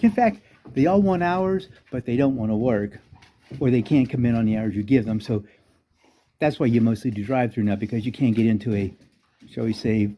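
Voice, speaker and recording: An older man delivering a rambling satirical monologue full of sarcastic, deadpan asides. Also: medium pitch. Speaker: comedic commentator.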